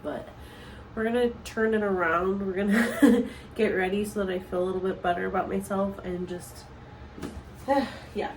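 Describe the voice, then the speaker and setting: A tired young woman, a new mother with a cold, talking candidly and softly in a casual home vlog. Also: mid-range voice, fairly even intonation, moderate pace. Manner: tired, candid, soft-spoken. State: stuffy from a cold. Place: home, indoors.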